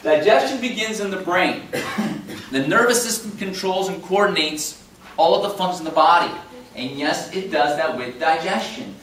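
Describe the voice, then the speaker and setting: Animated man lecturing in an echoey room. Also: sits high, normal speed. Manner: animated, jokey, talks with big hand gestures and quoted voices. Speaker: chiropractor teaching a class. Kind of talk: live classroom lecture. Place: meeting room with projector screen. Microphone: far camera in the room. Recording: roomy and distant with faint hum.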